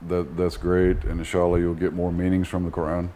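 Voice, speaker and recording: His voice sits low and mellow, fairly quick yet completely flat, and he's a native English speaker from Texas, United States. Appearing as an interview guest, he reflects hesitantly and thoughtfully, searching for the right words. There's audible noise in the background.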